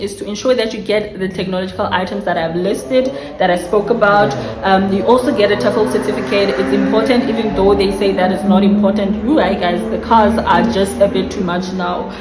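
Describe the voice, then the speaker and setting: Talking a little fast with few pauses and a steady tone, this South African vlogger shares career advice straight to her audience from a home room near a street, chatting casually and frequently starting phrases over. Her voice is mid-range, and the audio is roomy with background noise.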